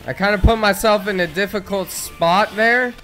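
A man's voice: high-pitched, moderate pace, fairly bright tone, soft background music. A man giving casual, self-deprecating commentary while he plays a video game, muttering at the game as he goes. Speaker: let's play gamer.

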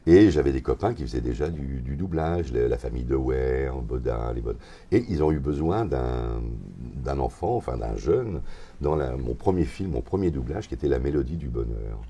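A very deep voice with a breathy edge and normal speed belongs to a voice actor in his seventies, a guest in an interview. He tells stories in a relaxed manner, gesturing while talking, recorded by a lapel mic in a hotel lounge.

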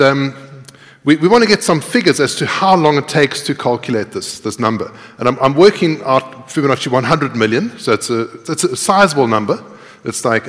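In a big tiered lecture auditorium with reverberant hall echo, a middle-aged man who teaches programming and speaks at conferences gives a live coding talk. His voice is mid-range with a fairly bright tone as he explains step by step and asks the audience questions.

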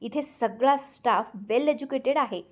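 A formal, stern school principal in a storybook, steady and complaining, as a woman narrator puts her on. The voice sits a little above the narrator's plain pitch. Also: moderate pace, close to an everyday voice.

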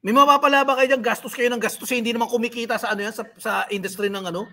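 A man's voice: very high-pitched, fairly even intonation, racing, bright, forceful tone. A man hosting a livestream, mocking and scolding the people he talks about in a rant. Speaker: livestream host. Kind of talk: live-stream commentary.

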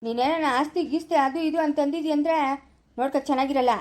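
Woman playing a stubborn young village father, insistent, complaining, high-pitched, quick. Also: darkish tone, close to an everyday voice. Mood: defiant. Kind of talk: rural family drama acting.

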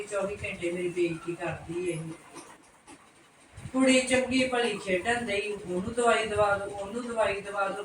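A woman's voice: medium pitch, natural voice. A woman playing a nagging older mother-in-law in a comic family skit, with a Punjabi accent, who grumbles and scolds. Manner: grumbling, complaining, quick to scold. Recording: roomy, distant, noisy home recording.

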